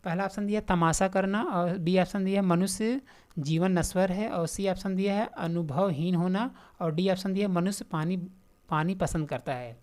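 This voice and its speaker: A woman's voice: fairly low pitch, moderate pace, darkish tone. A casual woman teacher explaining. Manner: casual, repetitive explaining, calls listeners "my brother"; reads out question options one by one. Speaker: Hindi exam-prep teacher. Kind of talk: online exam-prep lesson.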